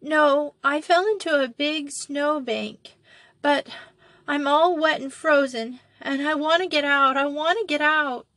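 A woman's voice: high-pitched, measured pace, fairly bright tone, dry recording, voice pushed up. A woman voicing a sobbing little girl. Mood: tearful. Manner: sobbing, pleading. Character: frightened little girl trapped in a pit.

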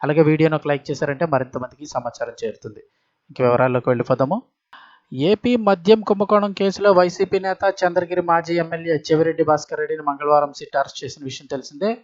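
Fast-talking man narrating news, dull audio. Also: on the high side. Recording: dull, band-limited lo-fi audio.

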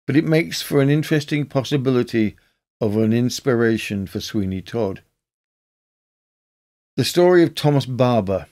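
A man narrating a scripted history episode in a measured, documentary-style reading. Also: medium pitch, darkish tone.

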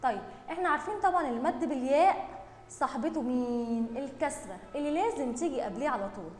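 A woman with an Egyptian accent teaching young children Arabic reading, stretching out words slowly and praising them often. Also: high-pitched, lively intonation, a little mellow, echoey room, in a large hall, a little hiss or hum. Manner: drawn-out syllable-by-syllable reading, praising and questioning pupils. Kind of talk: recorded online lesson for young children.

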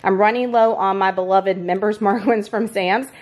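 A woman's voice: medium pitch, steady tone, a little mellow. A woman in her thirties chatting casually through a grocery haul in her home kitchen. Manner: chatty and upbeat, quick asides. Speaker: vlogger.

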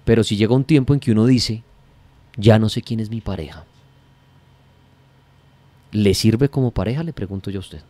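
A man's voice: on the low side, normal speed, long pauses, mellow, no echo. A man with a Colombian accent hosting a radio call-in, questioning in a probing, sarcastic way. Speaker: radio host.

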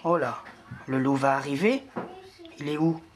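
A woman putting on a playful, mock-scary wolf voice for young children, low and drawn-out. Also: heavy background noise. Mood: mock menacing. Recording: roomy hall, far from mic, chatter behind.

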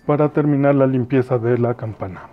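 A man with a Mexican accent demonstrates a cleaning product in an indoor kitchen, explaining to viewers directly as he works. He sounds relaxed, and his medium-pitched voice is brisk, with phone-quality audio from a phone camera.

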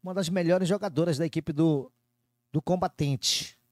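A Brazilian man gives live play-by-play football commentary. His voice sits high for a man, and the sound is dry, with little room in it. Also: moderate pace, a little mellow, no echo.

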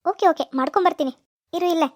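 A woman's voice: very high-pitched, rapid-fire, no echo, clean studio sound. A woman voicing a doting, scheming middle-aged mother in a cartoon, who coaxes her daughter in a conspiratorial way. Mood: coaxing. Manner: coaxing, conspiratorial. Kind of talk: cartoon voice acting.

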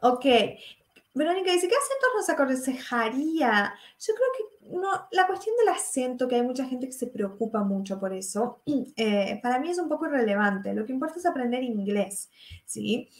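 A young woman from Argentina with an Argentine Spanish accent, teaching English in a live online lesson, drilling examples slowly and checking that students follow. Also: sits high, big pitch swings, roomy sound.

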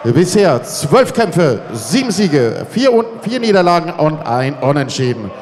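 A man working as a ring announcer, presenting fighters in a showy manner with drawn-out, shouted names. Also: a little high, sing-song, some chatter behind. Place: large indoor sports arena. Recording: echoing arena PA, noisy.

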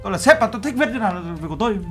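A man's voice: high voice, expressive, very fast, a bit bright, faint music behind, voice pushed up. A man playing a bragging overseas CEO. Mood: boastful. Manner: brash, bragging, teasing. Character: boastful male overseas-Vietnamese CEO. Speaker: streamer role-playing in a game. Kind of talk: game role-play banter.

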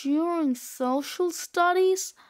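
A woman's voice: very high-pitched, takes it slowly. A woman reading aloud, voicing a stern, exasperated female schoolteacher. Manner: scolding, exasperated.

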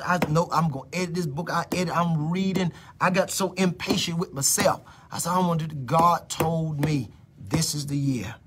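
A middle-aged man preaching prophecy live over his phone, repeating phrases and swinging between loud declarations and whispers. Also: fairly high pitch, a little hiss or hum.

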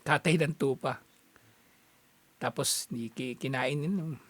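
A man's voice: mid-range voice, fairly bright tone, dry recording. A man teaching a religious lesson as a casual story, in a chatty way that halts often to find his words. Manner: conversational, halting with frequent fillers. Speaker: Islamic teacher.

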